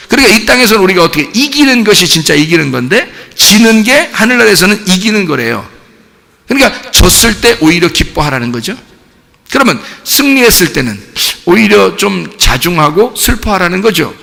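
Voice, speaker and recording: Male pastor, high animated voice all over the place, echoey church hall. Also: gravelly. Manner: lively, playful, acts out cheering crowds. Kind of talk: sermon. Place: church sanctuary. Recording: church hall with long reverb.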